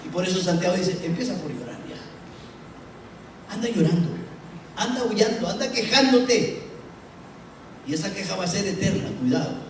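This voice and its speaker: Male pastor preaching, dramatic, goes loud then soft, sounds far off from the mic with faint noise. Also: very high voice. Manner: dramatic, rhetorical questions, swings between loud and soft. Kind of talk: sermon. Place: church sanctuary. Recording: echoey church room from far off.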